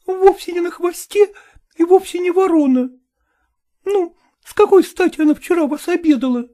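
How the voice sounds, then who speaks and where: A man's voice: very high-pitched, moderate pace, mellow, voice pushed up. A man voicing a jealous, tearful woman who presses her lover with reproachful questions, reading an audiobook.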